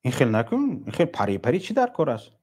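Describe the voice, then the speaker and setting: A man's voice: mid-range voice, wildly swooping pitch, darkish tone. A man hosting a call-in talk show who speaks sternly and rebukes his critics.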